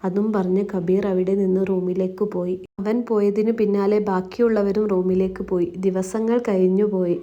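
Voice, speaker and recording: Mellow-voiced woman narrating a story. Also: mid-range voice, flat delivery, moderate pace, hardly any pauses, lo-fi sound.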